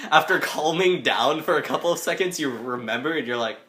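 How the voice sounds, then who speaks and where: A man narrating as game master of a tabletop game, animated and giggly, with many filler words. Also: a little high.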